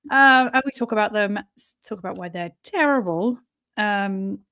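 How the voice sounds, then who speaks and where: A woman hosting a live podcast in a loose, chatty way. She speaks bluntly, swears without hesitation and laughs between points. Her voice sits at an ordinary pitch and sounds close and dry, with no room echo. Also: sharp tone, clean tone. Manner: frank, sweary and quick to laugh. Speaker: podcast host and founder. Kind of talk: casual live podcast chat.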